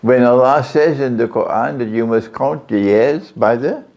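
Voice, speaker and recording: A man preaches an Islamic religious lecture before a live audience, repeating key phrases and asking his listeners questions. His voice is medium-pitched with a darkish tone at a moderate pace, captured in a dull, lo-fi recording at the lecture venue.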